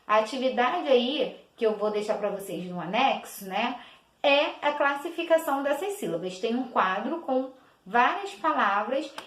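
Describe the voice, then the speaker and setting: A woman teacher gives a patient children's lesson, clapping out each syllable slowly and repeating words. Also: on the high side. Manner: slow, clapping out each syllable, many diminutives. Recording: echoey room.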